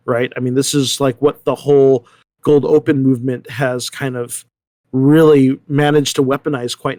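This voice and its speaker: On a dry recording, a medium-pitched middle-aged man, an American from San Diego, talks casually as an interview guest. He works as a theater artistic director and tells stories in an animated, rambling way, with plenty of hesitations and self-corrections.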